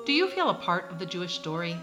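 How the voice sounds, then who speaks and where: A woman's voice: on the low side, big pitch swings, quick pace. Woman reading a podcast intro over music. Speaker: co-host.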